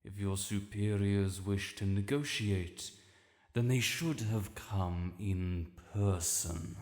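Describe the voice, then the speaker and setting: In a fantasy audio roleplay, a British man gives voice to an ancient, imperious dragon lord, proud and quick to righteous anger, speaking in a low, gravelly tone with formal, haughty, deliberately archaic phrasing. His mood is cold and disdainful, his intonation fairly even and a little mellow. Cavernous reverb with a long echo surrounds the recording.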